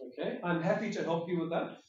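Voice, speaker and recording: Talking fast in a high, slightly mellow voice, a patient male teacher gives IELTS speaking test feedback, explaining and repeating words as he thinks. The recording has a little hiss or hum, an echoey classroom and a distant, dull mic.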